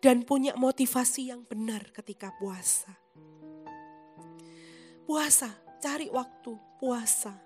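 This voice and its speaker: A woman's voice: a little high, takes it slowly, long pauses, over music. A woman preaching a sermon in an earnest, emphatic manner, speaking of herself in the third person.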